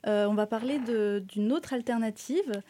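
A woman's voice: on the high side, normal speed, dark tone, slight background noise. A young woman hosting a student radio show, handing over with light jokes. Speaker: radio host.

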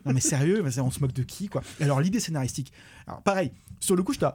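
A man with a French accent in a casual film-review chat, sarcastic and animated. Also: fairly high pitch, very fast, breathy edge. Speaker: film critic on a podcast.

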